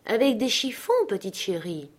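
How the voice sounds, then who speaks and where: A woman's voice: mid-range voice, lively intonation, normal speed, close to an everyday voice. A woman reading the part of a plump, middle-aged male dignitary in an audiobook, honeyed and cajoling with a child, then harsh and scolding. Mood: wheedling.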